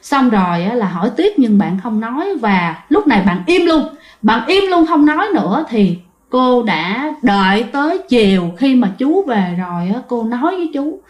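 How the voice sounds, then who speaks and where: Brief: woman, fairly high voice, chatty storyteller talking to listeners, roomy echo. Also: sing-song, normal speed, highs cut off. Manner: chatty, addresses listeners directly, many fillers. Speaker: ghost story teller. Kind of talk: conversational storytelling.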